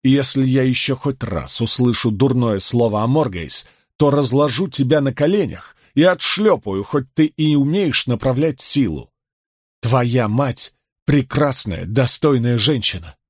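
A man voicing an older male gleeman, low and soft-spoken, gruff but gentle and rueful, with a husky voice. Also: lively intonation, a little slow, no room sound, clean studio sound. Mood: stern.

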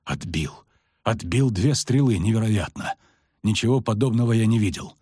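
Gloomy knight voiced by a male narrator: deep, hushed, measured, a bit husky. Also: no room sound, clean studio sound. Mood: amazed. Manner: low, measured, somber.

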